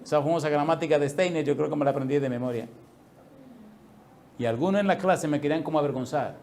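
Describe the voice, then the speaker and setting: A middle-aged male pastor preaching a sermon, telling a personal story with lively acted-out dialogue and frequent laughter. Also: fairly high pitch, fast talker, slight background noise. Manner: animated storyteller, acts out dialogue, laughs often.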